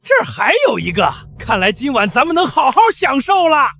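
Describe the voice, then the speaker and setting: A man voicing a menacing middle-aged village thug in a storybook narration, jeering and shouting. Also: very high-pitched, big pitch swings, fairly quick, vocal fry, dry recording, studio quality, voice pushed up, full character voice.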